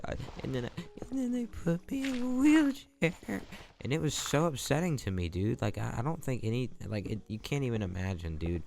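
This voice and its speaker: A man's voice: lowish voice, gravelly, a little mellow, a little hiss or hum. A young man telling a long story in a rambling, chatty way while he plays a game. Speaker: gaming channel host. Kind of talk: casual storytelling over gameplay. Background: background music.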